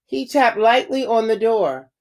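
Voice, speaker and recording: A woman reading a children's storybook aloud in a clear, measured, expressive way. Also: a little high.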